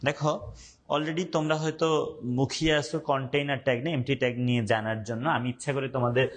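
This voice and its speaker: A young man teaching an online class, speaking slowly and deliberately, repeating points and quizzing his students. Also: mid-range voice, little pitch movement, a little hiss or hum.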